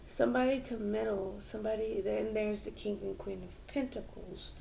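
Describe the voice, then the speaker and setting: Female tarot reader, unhurried and musing, heavy vocal fry, faint background hiss. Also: mid-range voice, fairly even intonation, warm tone. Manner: slow and reflective, with many fillers and restarts. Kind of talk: tarot reading for viewers.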